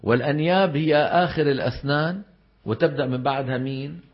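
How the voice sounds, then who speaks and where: A man's voice: fairly high pitch, fast. A man with a Levantine Arabic accent teaching Quran recitation in a classroom lecture, putting questions to the class and answering them himself and stressing the exact vowels of terms. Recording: dull lo-fi lecture recording.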